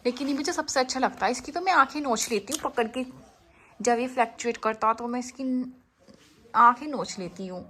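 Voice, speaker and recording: A woman's voice: fairly high pitch, a bit bright, close to an everyday voice. A woman voicing a chatty baby girl. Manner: sweet, sing-song baby talk. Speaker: vlog narrator. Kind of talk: first-person baby vlog narration.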